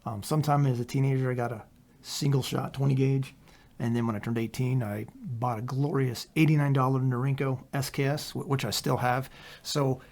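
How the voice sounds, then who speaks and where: A man from Pennsylvania hosting a casual podcast, talking in a relaxed, rambling way with many fillers. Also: mid-range voice. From Pennsylvania, USA. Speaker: podcast host, training company owner.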